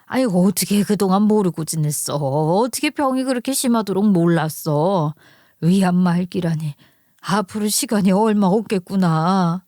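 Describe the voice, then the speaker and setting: A woman's voice: medium pitch, expressive, normal speed, mellow, dry recording, clean studio sound, natural voice. A woman voicing an older mother-in-law who sighs and sounds pitying and a little condescending. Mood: sighing.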